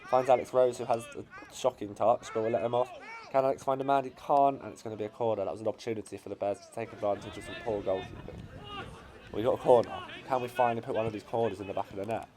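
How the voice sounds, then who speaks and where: A man with an English accent commentating on his own amateur football team's match highlights, his voice cracking as the excitement builds. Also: fast talker, crowd noise. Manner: builds to shouting excitement at late chances.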